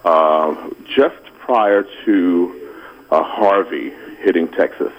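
A man with a Brooklyn accent, speaking earnestly and deliberately as a caller in a casual radio conversation. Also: low-pitched, dull audio. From Brooklyn, New York.

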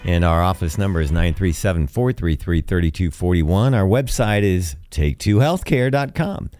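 A man's voice: sits low, expressive, normal speed, darkish tone, faint music behind. A man hosting a radio health show as a doctor.

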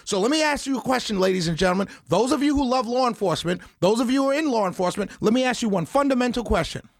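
A man holds forth on talk radio in a fiery, indignant rant. His voice sits high, and the dry, close studio sound keeps every jab up front. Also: lively intonation, racing, no room sound. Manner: fiery, indignant, swings between loud outbursts and low mutters. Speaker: radio talk show host.

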